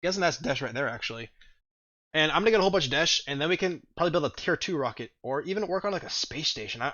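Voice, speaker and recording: A gaming video host with a mid-range, sharp-toned voice casually narrates his own let's-play, thinking out loud and rambling in a groggy morning voice. The recording sounds muffled.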